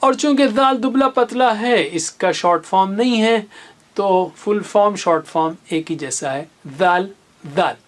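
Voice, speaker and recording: A patient reading teacher in a recorded lesson. The pace is unhurried, and each Arabic letter sound is spelled out and repeated with care for the learner. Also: mid-range voice, lively intonation. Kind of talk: recorded lesson with memory stories.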